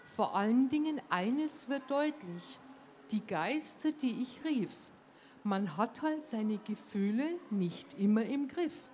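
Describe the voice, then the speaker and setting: A woman's voice: on the high side, lively intonation, slow pace, darkish tone, a little hiss or hum. Woman host making emphatic appeals. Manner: emphatic, appealing directly to listeners. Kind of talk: enthusiastic spoken address.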